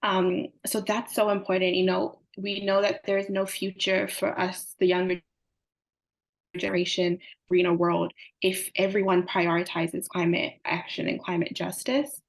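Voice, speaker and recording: A woman's voice: lowish voice, level tone, a little slow, gravelly. A young woman, answering interview questions earnestly with frequent fillers. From Samoa. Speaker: climate advocate guest.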